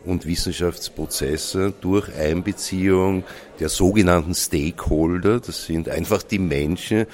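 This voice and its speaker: Very deep-voiced man explaining calmly. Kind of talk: explanatory interview statement.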